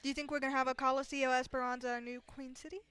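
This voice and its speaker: A woman's voice: high-pitched, little pitch movement, rapid-fire, a bit bright, smooth, no room sound. A young woman co-casting a college esports match in casual chat, making brief matter-of-fact remarks. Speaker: esports caster. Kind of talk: casual live commentary chat.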